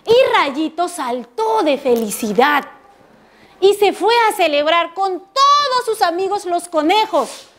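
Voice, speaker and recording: Teacher lady telling a story to kids, really high lively voice, takes it slow. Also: slight background noise. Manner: animated, slow, sing-song storyteller. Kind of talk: storytelling and questioning to children. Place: rural school classroom.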